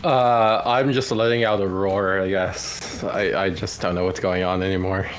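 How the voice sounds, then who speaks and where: A man's voice: sits low, level tone, moderate pace, soft background music. A man playing a tabletop game, describing his moves casually and hesitantly.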